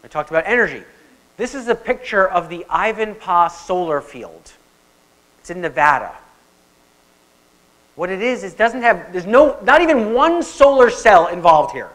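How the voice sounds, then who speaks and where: A man giving an animated conference talk to an audience. His voice sits high and he keeps asking the crowd questions. He mixes explanation with stories. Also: moderate pace, rough recording. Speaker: guest speaker on investing.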